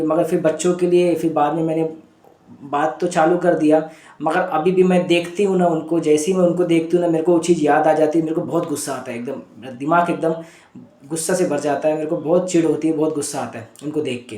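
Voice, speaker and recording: A man's voice: on the high side, steady tone, brisk, warm tone, lightly acted. A man voicing a distressed woman patient in pain, pleading and repeating herself, calling him sir. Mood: hurt and angry. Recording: echoey room.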